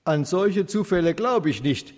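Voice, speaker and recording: A suspicious, defiant heavyset man of about fifty, played by a storyteller. He talks loudly and higher than the reader's own voice, with a husky edge. A long hall reverb trails behind. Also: expressive, unhurried. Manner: loud, raised, defiant.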